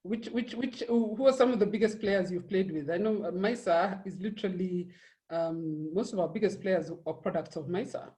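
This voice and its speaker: A woman's voice: medium pitch, normal speed, mellow. A woman hosting a live interview, asking prompting, inquisitive questions. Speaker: talk show host.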